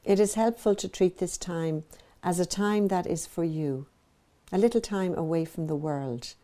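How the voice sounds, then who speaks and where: Her voice on the low side, a female meditation teacher talks listeners through a guided practice. She is gentle and measured, soothing in manner, and leaves pauses between her phrases.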